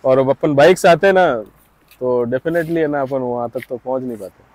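A man's voice: medium pitch, normal speed, darkish tone, no echo. A man, chatting cheerfully in a travel vlog, outdoors by a hill road, talking into a hand-held camera. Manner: chatty, cheerful, laughs often. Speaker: travel vlogger.

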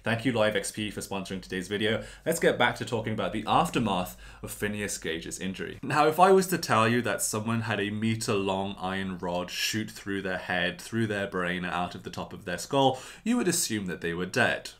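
A man's voice: on the low side, animated, fairly quick, hardly any pauses, fairly bright tone. Wry, chatty man. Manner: chatty and wry, with slangy asides. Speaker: YouTube host. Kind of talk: casual educational storytelling.

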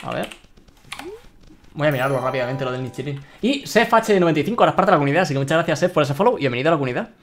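A young man from Spain chatting excitedly while streaming a game and reading his chat aloud. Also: a little high, very fast. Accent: Spain Spanish. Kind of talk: live-streamed gameplay commentary.

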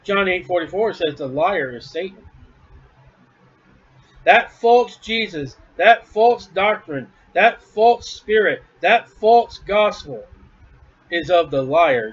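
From his house, a male preacher with a high-pitched voice gives a blunt, scornful sermon, hammering every point home emphatically. He speaks slowly with lively intonation and a breathy edge, and the recording sounds dull and lo-fi.

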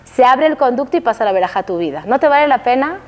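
High-voiced woman teacher, emphatic. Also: fast, lo-fi sound. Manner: lively, emphatic, rhetorical questions to the audience. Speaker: religious teacher. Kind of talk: Torah lecture to women. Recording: long hall reverb.

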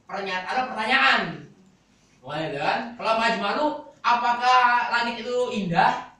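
A man's voice: very high voice, animated, fairly quick, bright, forceful tone. A male Quran teacher giving a classroom lecture, explaining step by step and asking the class questions. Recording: echoey hall, voice from far off.

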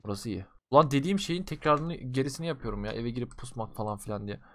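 A young man giving casual commentary while playing a mobile shooter game, slangy and excitable, swinging between loud outbursts and low muttering as he talks to his viewers. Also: fast talker.

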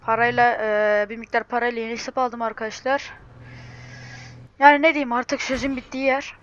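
Telaşlı, yüksek sesli genç kadın. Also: female voice, fairly high pitch, little pitch movement, clear, resonant tone, muffled recording. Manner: hurried, distraught, swears oaths. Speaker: mobile car game channel host. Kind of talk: gaming screen-recording vlog.

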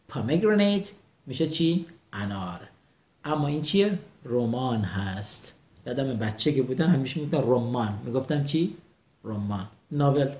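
A man teaching English vocabulary with mnemonics, animated and drilling words by repeating them. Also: medium pitch, echoey room.

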